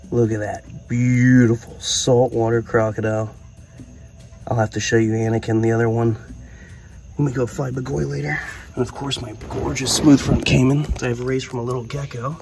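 A man's voice: medium pitch, gravelly, darkish tone, slight background noise. A young adult man giving a casual, enthusiastic vlog narration on a handheld phone, chatting to viewers and slipping into playful pet talk with animals. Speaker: reptile keeper and vlogger. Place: outdoor enclosures at night, then a large metal-walled building. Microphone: handheld phone at arm's length.

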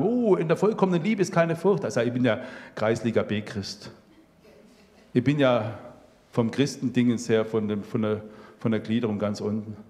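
Man preaching in a reverberant hall. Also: fairly low pitch. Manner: emotional storytelling, drops to a soft hush. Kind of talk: sermon testimony. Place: church hall.

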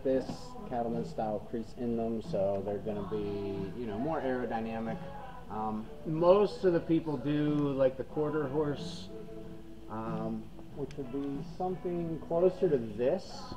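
A man with a mid-range voice speaks a little slowly on a rough recording. He's a hat salesperson in a big western wear store, chatting casually about hats and explaining them with lots of fillers while store music plays in the background.

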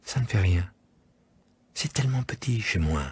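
A man doing a gentle little boy prince. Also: medium pitch, moderate pace, vocal fry, husky, voice pushed up. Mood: soft wondering. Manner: soft, often half-whispered, wondering. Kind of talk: storybook reading.

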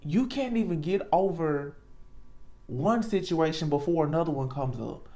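A tarot reader speaks in a casual, reflective way at a middling pitch. The delivery is earnest and emphatic, with halting phrases and repeated words as thoughts get worked out aloud. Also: expressive, mellow. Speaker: tarot reader, channel host.

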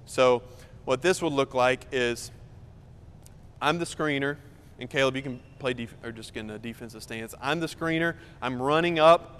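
A man's voice: medium pitch, fairly bright tone, smooth. A young man coaching basketball, explaining plays in a loose, conversational way while walking through them on the court. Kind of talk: casual on-court demonstration. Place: large indoor gym. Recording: echoey gym with long reverb, faint noise.

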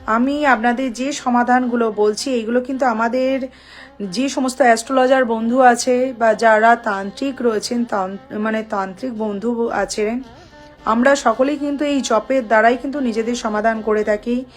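A woman astrologer with a Bengali accent speaks to her viewers in a fairly high voice. She teaches carefully, repeating herself and sounding out syllables one by one. Soft music plays quietly underneath. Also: steady tone. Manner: instructive, repeats points and spells out syllables slowly. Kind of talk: spiritual advice talk to viewers.

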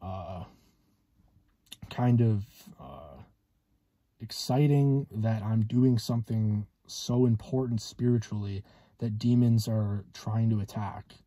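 A man in his twenties talking casually to camera in a hesitant, halting way, with a slightly husky voice, inside a car. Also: fairly low pitch, dark tone, dry recording. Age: 20s. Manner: hesitant, halting with long pauses. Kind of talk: casual vlog monologue.

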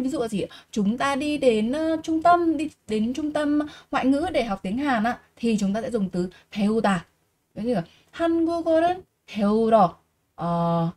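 A woman teaching a Korean vocabulary lesson in Vietnamese, reading each word slowly and repeating it before explaining. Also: fairly high pitch, a little mellow. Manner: slow, repeats each word three times and explains patiently.

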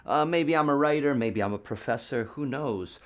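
Animated man telling it conversationally. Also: medium pitch, moderate pace. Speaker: actor auditioning for a commercial. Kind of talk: audition monologue and improvised product pitch, conversational. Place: indoor studio with a green screen.

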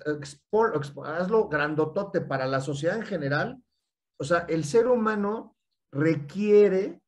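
A man with a Mexican accent explaining in casual talk, animated, often linking thoughts with "y entonces". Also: on the high side. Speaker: guest speaker.

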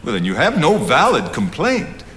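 An older man playing a genteel, exuberant old gentleman with a formal, theatrical manner in a stage play. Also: a little high, wildly swooping pitch, moderate pace. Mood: formal, inquiring. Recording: echoey theatre stage with clear noise.

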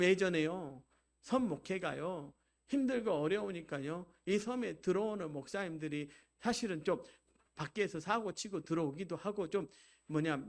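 A man preaching a Sunday sermon as pastor, exhorting the congregation and swinging from loud, rising preaching to quiet, conversational storytelling. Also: sits high. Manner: exhorting, repeatedly addresses the congregation.

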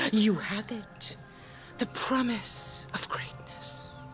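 Flamboyant showwoman, slow and swooping. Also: medium pitch, lively intonation, in a whisper. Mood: seductive, grand. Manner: theatrical, grandiloquent, lingering on words. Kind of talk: video game character acting. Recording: game music behind the voice.

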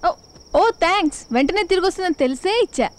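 An actress playing a sharp-tongued, teasing young wife in a family film. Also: female voice, very high-pitched, fast talker. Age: young adult. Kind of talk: film dialogue.

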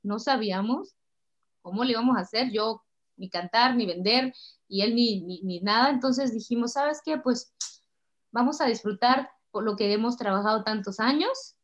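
A middle-aged Mexican woman, a singer, chatting warmly and emotionally in an interview. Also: fairly high pitch, normal speed. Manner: warm, chatty, emotional storytelling. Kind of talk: casual interview chat. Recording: slightly dull lo-fi sound.

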